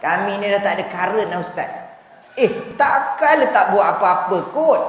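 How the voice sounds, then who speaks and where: A man's voice: sits high, expressive, normal speed, highs cut off. A man with a Malaysian Malay accent giving a humorous religious lecture in a mosque, telling jokey stories and acting out characters. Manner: jokey storytelling, acts out characters. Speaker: preacher. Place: large mosque hall. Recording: very echoey hall, faint ambient noise.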